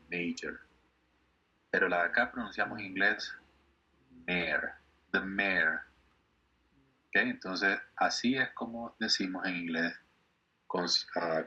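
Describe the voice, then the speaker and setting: Male teacher, patient and explanatory, bright edgy tone on dull call audio. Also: low-pitched, slightly rough. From Ecuador. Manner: patient, explanatory, repeats words slowly for students. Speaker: English teacher. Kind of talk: online class instruction.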